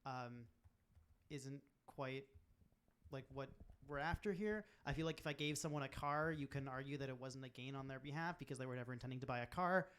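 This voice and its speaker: A man with a smooth, clear voice argues his point at a student council. He builds his case around a simple example. His pitch sits in the middle range. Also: brisk, fairly bright tone.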